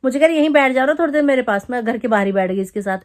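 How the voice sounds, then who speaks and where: A young woman vlogger casually telling a story to the camera, chatty and animated, acting out the quotes as she goes. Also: a little high, rapid-fire. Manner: chatty, animated retelling with acted-out quotes and laughter. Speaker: family vlogger.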